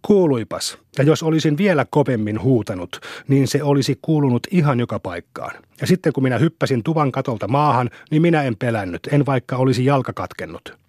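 A man's voice: mid-range voice, lively intonation, darkish tone, dry recording, clean studio sound, lightly acted. A man voicing a boastful, argumentative little village boy in an audiobook. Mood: bragging. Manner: bragging, argumentative.

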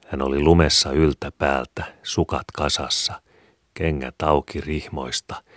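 A man reads a story aloud, calm and measured. His voice is extremely deep. The recording is dry and close, with no room sound. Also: dry recording. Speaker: story reader. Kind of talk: storybook narration.

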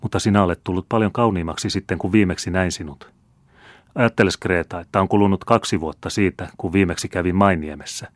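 A man's voice: low-pitched, fairly even intonation, no echo, close to an everyday voice. A man reading an old storybook tale, voicing an ardent seventeen-year-old count who speaks earnestly and pleadingly.

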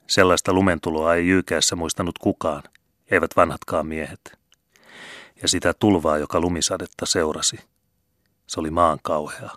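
Male audiobook narrator, deep voice, folksy storyteller, dry close recording. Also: fairly bright tone, dry recording. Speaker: audiobook reader. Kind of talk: literary narration.

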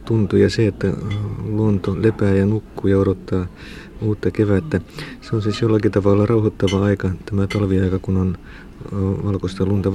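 A man reflecting in a measured, thoughtful way, pausing often. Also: fairly low pitch, creaky, dark tone, slight background noise. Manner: measured, thoughtful, many pauses and fillers. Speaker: interviewee. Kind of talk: slow reflective talk.

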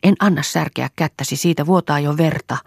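A woman reading the part of a patient young wife in an audiobook, speaking calmly and placatingly. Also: deep voice, vocal fry, no room sound, studio quality, heavily acted. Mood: pleading.

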